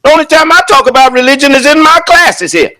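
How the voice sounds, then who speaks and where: Very animated and speaking fast, a man delivers a sermon at a prayer service. His voice is loud and booming, and he drives each point home with rhetorical questions.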